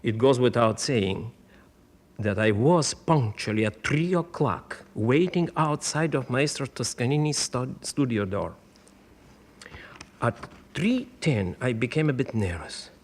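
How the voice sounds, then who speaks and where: An older man, an opera singer, telling a story about a rehearsal with lively acted-out quotes, on an old radio broadcast. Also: medium pitch, a little slow. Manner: animated storyteller acting out quotes. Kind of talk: storytelling reminiscence. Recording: 1960s radio broadcast transfer.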